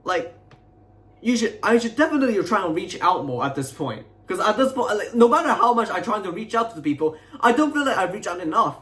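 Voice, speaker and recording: A young adult man venting to his viewers in a frustrated, aggrieved, unscripted rant, halting and repeating himself as he rambles. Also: high-pitched, very animated, fairly bright tone. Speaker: video creator.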